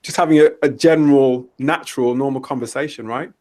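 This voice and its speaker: A man hosting a podcast who asks long, halting questions and restarts his sentences midway. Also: medium pitch, steady tone, warm tone. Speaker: podcast host. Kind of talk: casual interview questions.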